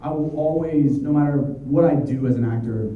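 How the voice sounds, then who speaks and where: A voice actor in his thirties rambles chattily through a convention panel Q&A, stumbling over fillers and restarts. His mid-range voice moves at normal speed. The recording is muffled and echoey, as if from far back in the hall, with slight background noise.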